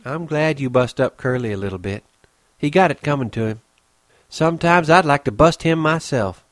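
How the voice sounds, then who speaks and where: Cold flirty ranch wife, higher pitched, dry room, guy doing the voice. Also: expressive, moderate pace, dry recording, close to an everyday voice. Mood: cool. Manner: taunting, cold.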